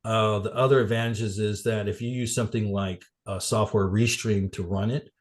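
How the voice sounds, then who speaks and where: Slightly congested and coughing as he recovers from a cold, a guest presenter at a networking meeting delivers a relaxed business talk on a video call. His voice is lowish, his intonation fairly even, and his speed normal. The talk wanders, full of fillers and restarts.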